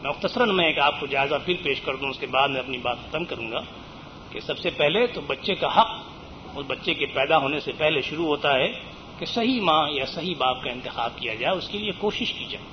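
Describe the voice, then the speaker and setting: An earnest male preacher explains his teaching at length, lifting his voice to stress key points. His voice sits a little high for a man. The recording is dull and lo-fi, with a faint hiss underneath. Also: lively intonation. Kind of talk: religious lecture on raising children.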